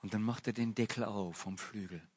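A man's voice: lowish voice, a little fast, darkish tone, husky. A man preaching a sermon in a church, speaking in a conversational, storytelling way.

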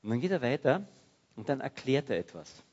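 A man preaching a sermon in a lively, conversational way. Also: mid-range voice, fairly quick, husky, muffled recording. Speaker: pastor.

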